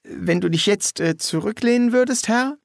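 A man's voice: high voice, moderate pace, creaky, no room sound, clean studio sound, pitched above the performer's own voice. A man voicing a nervous young woman who poses as a boy soldier, timid and eager to please, in a German audiobook.

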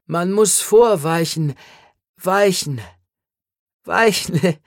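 A man reading an audiobook voices a delirious, stammering man with a high, strained, breathy voice. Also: drawn-out words, no echo, clean studio sound, exaggerated voice. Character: delirious rambling adult man, giggling.

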